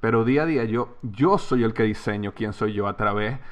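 A man's voice: fairly low pitch, fairly quick. A man hosting a podcast, talking in an emphatic, repetitive way in a casual interview conversation. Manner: emphatic, repetitive, animated storytelling. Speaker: podcast host.

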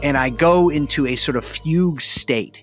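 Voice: mid-range voice, normal speed, soft background music. A podcast co-host telling a wildly exaggerated comic story in a rambling, profane way.

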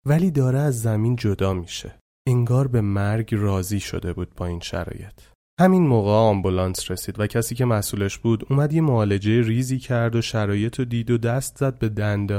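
A man's voice: medium pitch, warm tone. A man narrating a dramatic true story in a vivid, conversational way.

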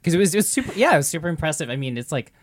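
Soft-spoken podcast host introducing songs. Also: medium pitch, big pitch swings, very fast. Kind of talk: casual music discussion.

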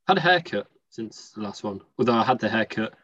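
A man's voice: on the low side, lively intonation, brisk, fairly bright tone, no room sound, dull audio. A man with a modern British accent chatting casually as a podcast co-host, rambling and joking as he goes. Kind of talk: casual chat.

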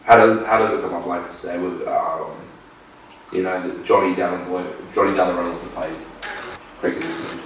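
A young Australian man hosting a podcast, chatty, swearing freely and firing off quick agreements. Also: low-pitched, steady tone, slight background noise. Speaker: podcast host. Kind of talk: casual chat. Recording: echoey room, distant mic.

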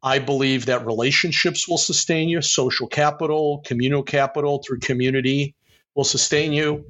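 A man's voice: mid-range voice, a bit bright, muffled recording. A man from Ohio giving earnest, motivational advice as a podcast guest, with a preacherly way of talking. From Ohio, USA. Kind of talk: casual interview talk.

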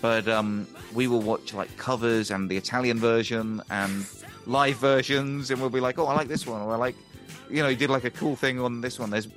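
A man's voice: medium pitch, fairly even intonation, normal speed, a bit bright, faint music behind. A man telling a rambling, chatty story as a podcast guest, laughing often. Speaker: guest musician and ukulele teacher. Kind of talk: casual storytelling.

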